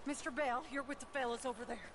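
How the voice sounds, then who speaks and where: A woman playing a brisk stern camp matron. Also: sits high, fairly even intonation, noisy background, lightly acted.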